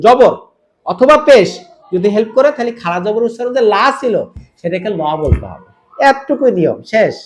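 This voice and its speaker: A man teaching Quran recitation in a tajweed lesson. He drills syllables, asks the viewer quick questions and draws out recited words slowly. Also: high-pitched. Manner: repeats drills, quizzes the viewer.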